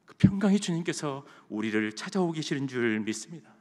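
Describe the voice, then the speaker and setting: A man's voice: on the high side, animated, brisk. A male pastor giving an impassioned sermon in a church sanctuary, repeating his phrases for emphasis. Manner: impassioned, repetitive preaching. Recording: long church hall reverb.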